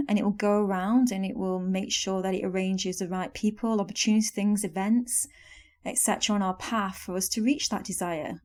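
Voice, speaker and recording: Mellow-voiced woman hosting a self-help podcast. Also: medium pitch. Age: young adult. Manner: earnest, coaching tone with soft self-help phrasing. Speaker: podcast host. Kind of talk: scripted solo podcast talk.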